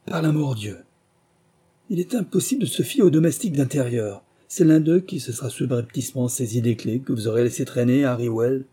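Guy doing a rough swearing trader, loud and grim, husky. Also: mid-range voice, brisk, pitched above the performer's own voice, natural voice. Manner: rough and thundering. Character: gruff blunt male colonial trader, swearing.

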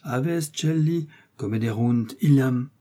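A man's voice: medium pitch, takes it slowly, mellow. A man voicing a zealous Jesuit priest who lectures in a raised, preachy voice.

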